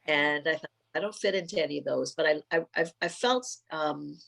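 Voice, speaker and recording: Husky middle-aged woman psychotherapist. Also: low-pitched, moderate pace, fairly bright tone, rough recording. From Trinidad and Tobago. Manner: thoughtful, many fillers and restarts. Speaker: psychotherapist and keynote speaker. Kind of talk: podcast interview.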